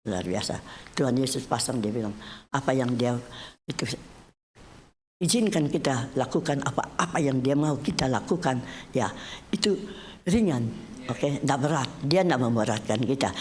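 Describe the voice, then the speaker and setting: A woman pastor giving a conversational sermon at a church service, talking chattily to the congregation, often addressing them directly and mixing in English phrases. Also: a little mellow. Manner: chatty, swings between raised exclamations and low murmurs.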